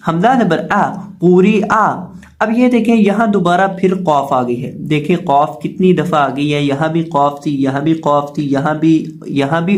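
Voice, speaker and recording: Patient male Quran teacher. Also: fairly high pitch. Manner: patient, repeats syllables and drills pronunciation. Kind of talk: slow spelling-out lesson.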